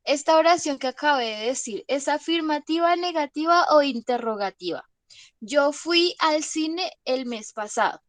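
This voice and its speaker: A woman's voice: sits high, lively intonation, moderate pace, no room sound. A woman English teacher giving an online class lesson, patiently explaining and checking often that students follow. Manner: patient, checks understanding with frequent tag questions.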